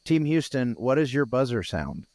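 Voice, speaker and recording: Sounding sleepy and scratchy, a man co-hosting a podcast rambles in casual conversation, often restarting and filling pauses. His mid-range voice is sing-song and a little mellow, at a moderate pace with no echo.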